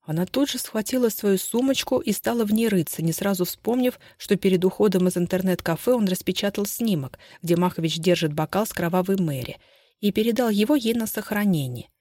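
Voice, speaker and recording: A woman narrating a detective novel in a measured, expressive way. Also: mid-range voice, no room sound. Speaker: audiobook narrator.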